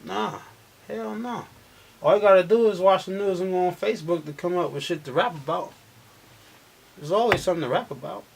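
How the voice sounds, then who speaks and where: A man's voice: high-pitched, fairly quick, creaky. A young adult man from Milwaukee, a rapper being interviewed, who talks loosely with slang and frequent restarts. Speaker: rapper guest. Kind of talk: casual interview chat. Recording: faint background noise.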